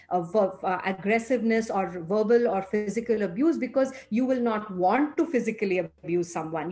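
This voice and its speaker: A woman's voice: on the high side, darkish tone. A woman host and coach in a conversational interview, speaking reflectively and checking for agreement. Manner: reflective, asks the guest to agree.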